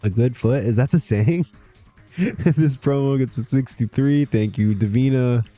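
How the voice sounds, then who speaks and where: A man's voice: mid-range voice, a little slow, warm tone, faint music behind. A man streaming a wrestling management game, chatting casually to himself, laughing often as he reacts to results. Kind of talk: casual gameplay commentary.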